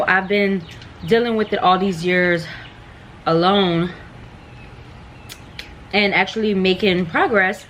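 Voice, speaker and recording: A woman's voice: medium pitch, fairly bright tone, slight background noise. A young American woman chatting casually and candidly about herself, rambling and circling back over her phrases as a vlogger. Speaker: mukbang vlogger. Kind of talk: casual personal chat.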